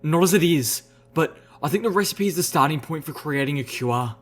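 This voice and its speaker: A man's voice: fairly high pitch, expressive, brisk. A man voicing a cautious, thoughtful young mare heroine in an audiobook reading, speaking carefully and hesitantly. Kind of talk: audiobook character voice.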